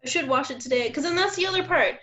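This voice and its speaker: A young woman co-hosting a casual home podcast, chatting bluntly and telling stories with a joking edge, and she says her voice is deep for a woman. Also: animated, fast, pushed and bright. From Florida. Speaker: podcast co-host. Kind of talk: casual chat. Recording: muffled lo-fi home recording.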